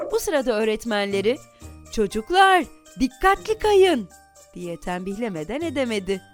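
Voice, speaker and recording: A woman with a slightly high voice reads a children's story aloud, telling it in an expressive, animated way.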